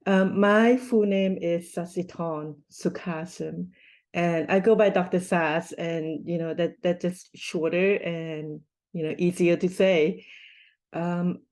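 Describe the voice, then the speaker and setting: A woman, a podcast interview guest who speaks in a measured way with many pauses. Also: on the low side, fairly even intonation, a little mellow. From Thailand. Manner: measured, with frequent pauses and fillers.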